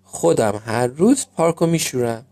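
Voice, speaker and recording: A man's voice: medium pitch, animated, dark tone, no room sound, close to an everyday voice. A man voicing a cheerful bald park gardener in a storybook tale, plain and friendly. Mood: earnest.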